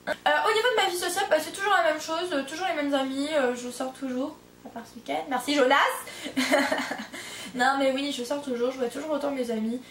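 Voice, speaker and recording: A woman's voice: high voice, fast, fairly bright tone, slight background noise. Young woman, twenties, from France, casual vlog chat, rambling with fillers, echoey room, distant mic. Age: 20s. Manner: rambling, many fillers and self-corrections. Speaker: au pair vlogger. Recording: roomy echo, distant from the mic.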